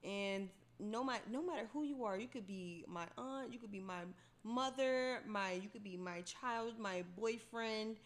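Young woman, podcast co-host, casual chat, playful, emphatic, slightly high pitch. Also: measured pace, hardly any pauses.

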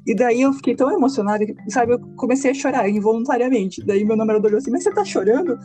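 A woman guest in a casual podcast chat, animated and telling stories. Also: on the high side, faint music behind. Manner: rapid, animated, storytelling.

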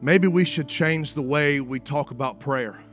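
A man preaching a revival sermon with dramatic, sing-song phrasing, repeating lines and addressing the congregation directly. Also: faint music behind. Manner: dramatic, building from hushed, drawn-out phrases to high, sing-song cries.

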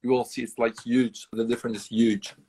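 French guy chatting, kinda halting, repeats words, normal pitch. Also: flat delivery, darkish tone, husky. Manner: halting, repeats words while searching for phrasing. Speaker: conversation partner. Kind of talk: casual multilingual chat.

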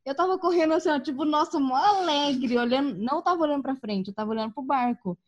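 A woman telling a personal story in a casual chat, animated and laughing, acting out the voices of the people in it. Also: sits high, fast, muffled recording.

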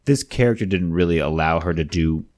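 A man with a very deep voice co-hosts a casual chat in a relaxed, agreeable way. He chimes in often with quick agreement and keeps the talk moving. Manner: easygoing, agreeable, chiming in. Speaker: podcast co-host.

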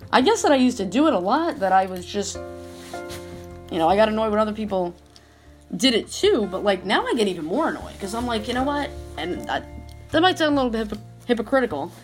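A woman hosting her own podcast, talking through a casual motivational monologue in an emphatic way that repeats her points and leans on "like". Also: mid-range voice. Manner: emphatic, repeats herself, frequent "like". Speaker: podcast host.

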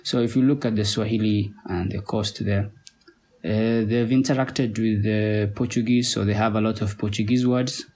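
Husky, low-voiced man with a Somali accent. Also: steady tone, a little mellow. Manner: halting, many pauses and repeated words. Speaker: podcast guest. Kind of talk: conversational interview.

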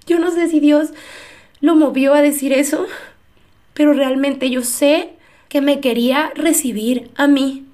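Young woman, high voice, earnest personal testimony with pauses. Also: steady tone. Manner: earnest, emotional storytelling with pauses and soft laughs. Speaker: speaker giving a faith testimony.

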